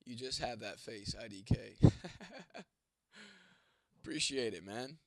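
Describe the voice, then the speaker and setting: A man's voice: medium pitch, slow pace, vocal fry, no room sound. A young man hosting a casual livestream, rambling and swearing as he answers chat comments by name, with a sore throat and a cough. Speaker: livestream host reading chat.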